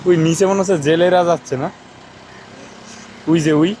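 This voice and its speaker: A hoarse man talking casually to his viewers in a travel vlog, outdoors by a lake. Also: high-pitched, fairly even intonation, normal speed, warm tone, a little hiss or hum. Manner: chatty, addresses viewers. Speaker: vlogger.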